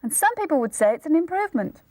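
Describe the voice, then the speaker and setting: A woman's voice: sits high, sing-song, fast talker. A woman presenting on a shopping channel, chatty and giggly as she reads out item numbers and prices. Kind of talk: live sales presentation. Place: TV studio.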